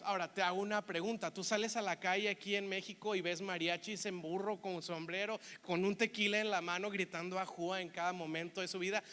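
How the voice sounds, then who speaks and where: Bright-voiced pastor with a northern Mexican accent. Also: male voice, high voice, long reverb tail. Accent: northern Mexican (Monterrey). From Monterrey, Mexico. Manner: conversational, keeps asking "¿verdad?". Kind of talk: sermon.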